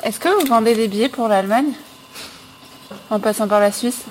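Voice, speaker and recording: A woman's voice: on the high side, normal speed. A woman reporter talking with people on location as she records a travel report. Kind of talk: on-location interviewing. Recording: noisy outdoor and station location recording.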